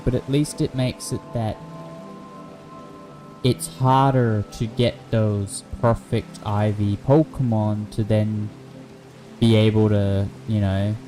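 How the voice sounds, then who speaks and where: A young man casually commenting on his live game stream, rambling and thinking aloud with excitable bursts. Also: medium pitch, poor audio.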